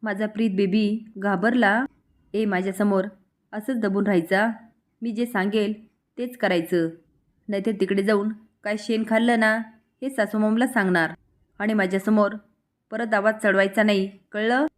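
Sharp-tongued spoiled young bride-to-be, read by a woman narrator, bossy and threatening, even mid pitch. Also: normal speed, natural voice. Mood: angry taunting. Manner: sharp scolding and taunting.

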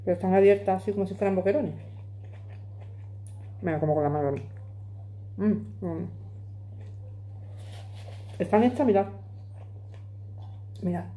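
With a mellow, mid-range voice, this woman keeps a measured pace and pauses often. In her forties and from Madrid, Spain, she vlogs casually from her home kitchen, eating while addressing a phone camera on the table. She comes across chatty and emphatic, gesturing with her hands.

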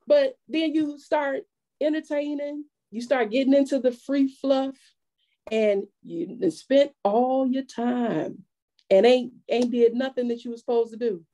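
A woman preaching, her voice sitting a little high yet mellow and warm. She talks to the women like a friend, rising and falling as she drives each point home. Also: unhurried, rough recording. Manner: lively preaching with call-and-response. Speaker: women's fellowship speaker. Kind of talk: sermon. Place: church.

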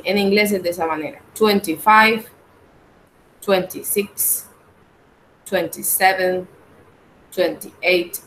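A woman's voice: on the low side, slight background noise, poor audio. A woman teaching English numbers in an online class, explaining each step patiently and inviting her students to answer aloud over the call.

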